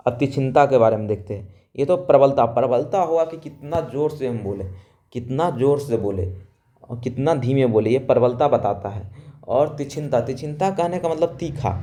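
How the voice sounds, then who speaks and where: A man teaching a school lesson, loud and emphatic, repeating each point and explaining it in plain words. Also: medium pitch. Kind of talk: classroom lesson.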